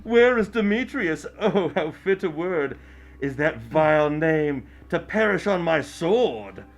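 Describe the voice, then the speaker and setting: A man's voice: a little high, sing-song, slow pace, creaky, full character voice. A man playing a young lover speaking verse. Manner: declaiming verse. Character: Oberon then Lysander, young nobleman. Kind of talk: amateur home Shakespeare performance.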